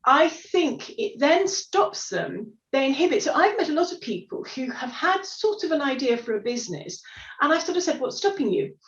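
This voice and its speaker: A woman's voice: high-pitched, big pitch swings, moderate pace. A woman in her sixties, a guest speaking in a chatty, encouraging way with lots of "sort of" and "you know". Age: 60s. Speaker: guest, unretirement expert. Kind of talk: casual interview chat. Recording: roomy, distant, dull-sounding audio.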